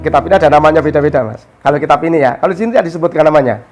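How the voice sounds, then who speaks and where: A high-pitched man talks through a religious tale in a relaxed, conversational way. He slips into animated voices for the people in the story. Soft music plays faintly underneath. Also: racing. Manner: animated, acts out quoted characters with raised pitch. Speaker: religious teacher explaining a kitab. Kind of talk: casual storytelling explanation.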